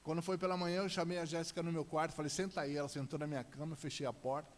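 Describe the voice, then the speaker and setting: Fast, animated São man testifying. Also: on the high side. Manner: animated storyteller acting out dialogue. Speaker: church guest giving testimony. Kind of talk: personal testimony in church. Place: church hall. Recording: reverberant church hall.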